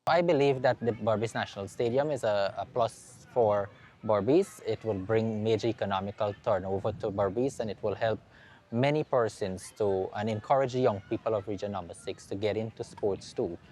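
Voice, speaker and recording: A man's voice: lowish voice, fairly quick, a little mellow, a little hiss or hum. A Guyanese man, a tourism committee president, giving an interview answer outdoors in an earnest way and restarting phrases.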